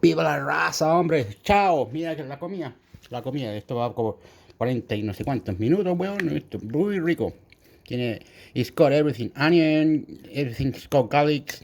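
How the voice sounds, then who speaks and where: Chilean-accented man, home cooking vlog, mellow voice, rambling, mixes in Spanish. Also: on the high side, animated, a little fast, gravelly, a little hiss or hum. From southern Chile. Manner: rambling, switches between English and Spanish. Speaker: cooking vlogger. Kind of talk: casual cooking vlog with pep talk. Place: home kitchen.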